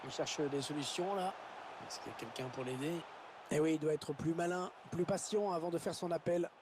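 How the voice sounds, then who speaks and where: An actor plays a keen male football commentator from a sports video game. His voice sits on the high side for a man, over faint background noise. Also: fairly quick, lightly acted. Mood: measured.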